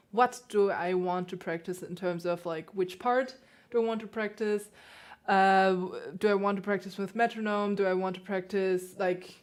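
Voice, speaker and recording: A woman pianist hosting a casual livestream, chatting, laughing often and answering questions from chat. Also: medium pitch.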